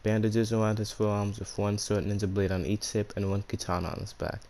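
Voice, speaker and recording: Brisk and level-toned, with a lowish, darkish voice, this YouTube channel host narrates fan fiction casually and with plenty of slang. A speech impediment makes his R's sound like W's.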